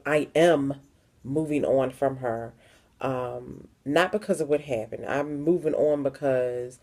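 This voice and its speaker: In a personal vlog, a young woman from around Philadelphia looks into the camera and speaks frankly. She has a low, mellow, warm voice and uses repetition of words for emphasis.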